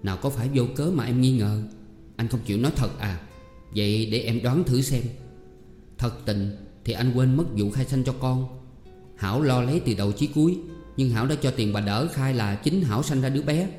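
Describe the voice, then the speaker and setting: A man voicing a sharp, jealous young wife, firing pointed, accusing questions. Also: medium pitch, normal speed, close to an everyday voice. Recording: roomy hall echo, faint music.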